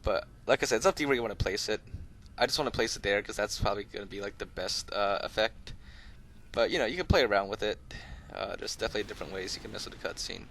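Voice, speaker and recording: With a fairly low, bright, forward voice and noticeable vocal fry, this gaming video host talks fast through a gameplay tutorial. He explains casually and conversationally, rambling without a script, as light noise sits behind him.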